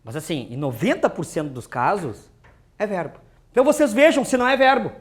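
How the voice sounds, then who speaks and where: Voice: mid-range voice, big pitch swings, a little fast. A teacher giving an exam-prep grammar lesson, chatty and full of joking asides and rhetorical questions.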